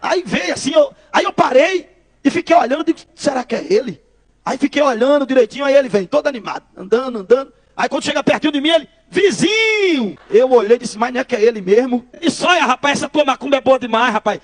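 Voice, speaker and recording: This testimony comes from a Brazilian man whose voice is very high and whose accent is Brazilian Portuguese. He tells the story at a fast clip, performing each quoted exchange and, preacher-style, repeatedly calling his listeners brothers.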